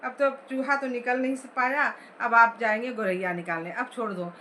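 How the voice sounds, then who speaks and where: A teacher voicing a teasing soft-hearted mother. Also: on the high side, steady tone, normal speed, a little hiss or hum. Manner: gently mocking, reasoning.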